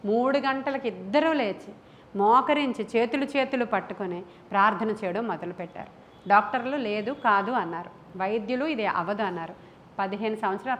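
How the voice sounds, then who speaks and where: Impassioned woman preacher, fairly high voice. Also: slight background noise. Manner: impassioned, rhetorical questions, emphatic repetition. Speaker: pastor. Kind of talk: sermon.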